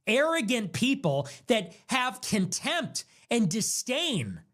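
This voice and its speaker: A man's voice: very high-pitched, sing-song, takes it slowly. A man in an angry, profane political rant, hurling insults. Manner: furious, profane, shouting insults.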